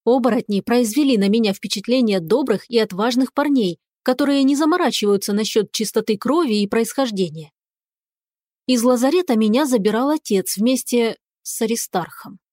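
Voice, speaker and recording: A woman reading a fantasy novel in the first person with expressive, lively storytelling. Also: on the high side, normal speed, no room sound, studio quality. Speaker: audiobook narrator. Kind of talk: scripted first-person narration.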